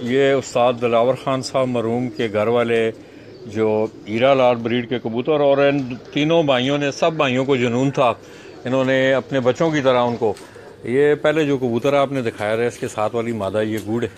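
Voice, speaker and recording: A man's voice: medium pitch, steady tone, normal speed, a little hiss or hum. A man showing pigeons to the camera, talking viewers through each bird and giving short instructions to a helper. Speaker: pigeon fancier vlogger. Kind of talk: explaining to camera, guiding a helper. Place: rooftop pigeon loft outdoors.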